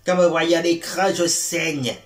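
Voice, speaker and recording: A man's voice: a little high, fairly even intonation, a little slow, pitched above the performer's own voice, close to an everyday voice. A man putting on a brash Québécois kung-fu master. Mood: pained. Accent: put-on Québécois French. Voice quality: swaggering, insulting, mock-solemn. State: voice worn out. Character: boastful self-styled male martial arts master. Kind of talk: comedy sketch.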